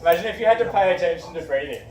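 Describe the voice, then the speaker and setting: A man's voice: high voice, animated, very fast. A young male teacher leading a classroom discussion, asking questions and encouraging his students. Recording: echoey room from far off, faint background noise.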